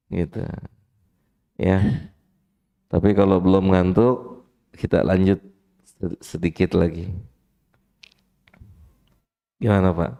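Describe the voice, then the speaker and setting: A man's voice: sits low, creaky, mellow. A man giving a mosque study-circle sermon, chatty and keeps asking his listeners questions. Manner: conversational, keeps asking the men in the room. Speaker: preacher. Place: mosque hall.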